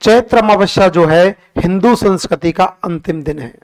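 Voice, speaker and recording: A young man teaching a class, firing short questions and repeating them back for the students. His voice sits high and comes through smooth and resonant. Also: darkish tone, rough recording. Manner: brisk, quizzing students with rapid repeated questions. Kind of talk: classroom lecture with call-and-response drilling.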